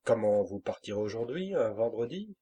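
A man's voice: lowish voice, very animated, normal speed, dark tone, breathy edge. A timid pleading young woman, read by a man. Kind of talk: audiobook character reading.

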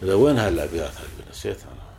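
Low, gravelly male grammar teacher. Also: very animated, very fast, warm tone. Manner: patient, repetitive explaining with fillers. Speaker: teacher explaining Arabic grammar. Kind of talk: classroom text commentary.

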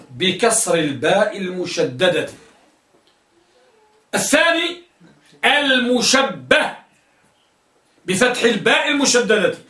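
A man's voice: high voice, sharp tone. A male teacher giving a classroom lesson, questioning students and drilling their answers. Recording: echoey room, mic at a distance.

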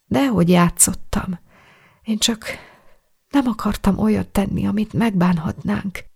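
A reader voicing a hurt young woman in love who pleads and breaks down in a shaky whisper, with a gravelly, husky tone. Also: mid-range voice, darkish tone, pitched above the performer's own voice. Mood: pleading. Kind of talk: audiobook dialogue.

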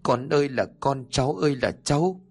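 Shrill, fake-grieving old mother-in-law who wails and laments, as a male narrator puts her on; audiobook. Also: expressive, normal speed, slightly rough, faint music behind. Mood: wailing. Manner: wailing, theatrical lamenting.

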